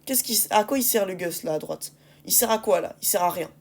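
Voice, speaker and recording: A woman's voice: medium pitch, brisk, darkish tone. Exasperated woman commentating on gameplay. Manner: exasperated, ranting at teammates; repeats phrases and rhetorical questions for emphasis. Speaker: gaming video creator commentating on match replays.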